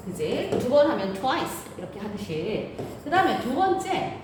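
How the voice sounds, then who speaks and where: A woman teacher speaks through a face mask in a very echoey room with clear background noise. Her voice moves up and down in a lively way as she explains the lesson, posing questions and answering them herself. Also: on the high side, a little slow. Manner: didactic, often asking and answering her own questions. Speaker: English grammar teacher.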